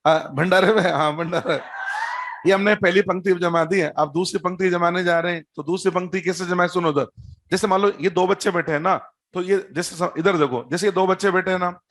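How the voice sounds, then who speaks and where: At the board, a man teaches a chemistry class step by step, repeating key terms, quizzing students and throwing in teasing jokes. His voice is high-pitched, a bit bright and fairly quick, with fairly even intonation.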